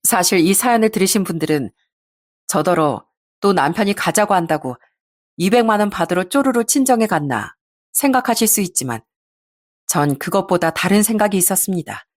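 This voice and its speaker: A woman's voice: mid-range voice, lively intonation, fairly quick, no echo, clean studio sound. Woman narrating a story in first person.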